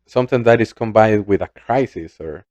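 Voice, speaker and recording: A man's voice: on the low side, normal speed, a little mellow, no room sound. A man, co-hosting a casual chat, reflective and hesitant, often repeating words. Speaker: podcast co-host.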